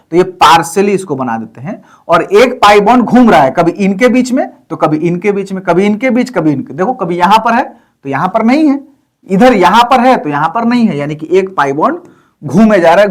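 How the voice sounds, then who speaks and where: Male chemistry tutor, high voice, patient and repetitive, keeps checking in with students. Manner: repetitive, checks in with listeners often. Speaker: chemistry teacher. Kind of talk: explaining on a whiteboard.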